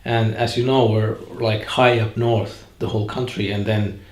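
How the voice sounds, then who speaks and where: A man in his forties with a Finnish accent, a guitar maker answering interview questions in a reflective way, often pausing to search for words. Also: on the low side, fairly even intonation, darkish tone. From northern Finland. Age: 40s. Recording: roomy echo.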